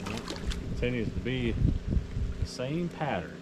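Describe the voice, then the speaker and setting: Speaking a little slowly in a sing-song, medium-pitched voice, a middle-aged American fishing vlogger and tournament angler gives rambling, folksy commentary to camera while fishing. He's on a small boat on a lake, recorded by an action camera amid heavy ambient noise.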